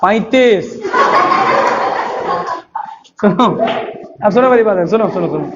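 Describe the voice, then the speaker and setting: A male teacher with a voice that sits high speaks slowly during a live classroom lecture. He drills and coaxes his students and scolds them into repeating aloud, all in a muffled classroom recording with steady noise.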